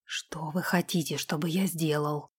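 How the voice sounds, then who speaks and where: A woman voicing a stubborn young man who answers quietly and gruffly in an audiobook. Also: unhurried. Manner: low, restrained, gruff. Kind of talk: audiobook character voice.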